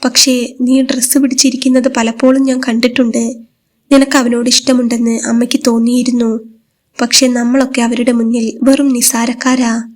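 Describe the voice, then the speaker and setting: A woman reading a gentle, firm widowed mother. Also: a little high, little pitch movement, normal speed, lightly acted.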